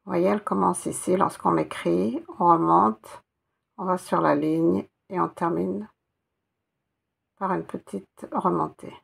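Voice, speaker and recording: A woman's voice: lowish voice, steady tone, a little slow, vocal fry, slightly rough. A woman teaching Arabic letters one by one, patiently spelling out each sound and repeating it. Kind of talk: step-by-step reading lesson.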